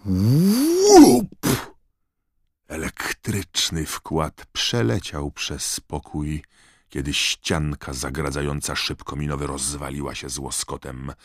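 A man narrating an audiobook in a measured, expressive storytelling manner. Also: rumbling low, no echo, studio quality. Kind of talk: scripted narration.

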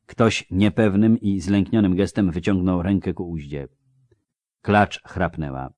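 A man narrating a fantasy novel in a measured, dramatic storytelling manner. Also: deep voice, a little mellow, no room sound. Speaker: audiobook narrator.

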